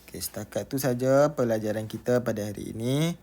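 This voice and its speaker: Malaysian male teacher, middle-aged, patient step-by-step maths explainer, average pitch. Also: fairly quick, a little mellow. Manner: patient, repeats and spells out each step. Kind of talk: maths lesson.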